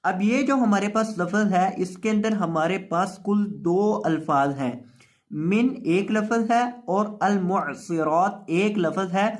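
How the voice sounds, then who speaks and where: A man with a Pakistani Urdu accent teaching Quran reading, spelling out letters and drawing out each syllable in a slow recitation lesson. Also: high voice.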